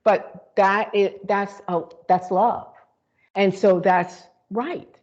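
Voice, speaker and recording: Woman, spiritual talk co-host, rambling and reflective, mid-pitched voice, muffled lo-fi sound. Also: steady tone, takes it slowly, darkish tone. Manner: rambling, reflective, with many fillers and restarts. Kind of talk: casual spiritual conversation.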